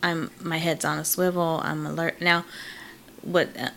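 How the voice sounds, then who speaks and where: Low-voiced woman therapist, reflective. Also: level tone, unhurried, gravelly, a bit bright, slight background noise. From Malawi. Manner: reflective, frequent ums and laughs. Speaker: therapist in private practice. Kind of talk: casual interview conversation.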